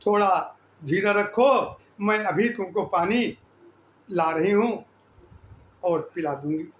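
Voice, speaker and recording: A woman's voice: medium pitch, slow pace, close to an everyday voice. An older man voicing his stern, weary mother as she cooks, in an impatient, scolding tone. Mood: brushing off. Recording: echoey room.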